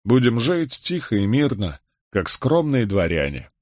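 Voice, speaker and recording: A man's voice: medium pitch, very animated, measured pace, no echo, studio quality. A man voicing a weary, disgraced middle-aged nobleman, with a heavy, sighing delivery in an audiobook reading. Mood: earnest.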